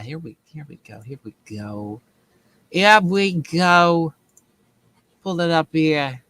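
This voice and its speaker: A man with a fairly bright, somewhat high voice hosts a political commentary show. He is casual and joking, rambling and repeating himself while mocking his targets.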